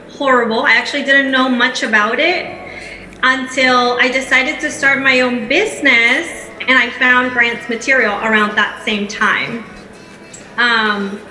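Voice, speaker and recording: Upbeat woman, bright voice. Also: on the high side. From Peru. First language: Spanish. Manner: upbeat, laughs easily. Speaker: guest entrepreneur. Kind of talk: onstage interview. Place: event stage. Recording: echoey event space.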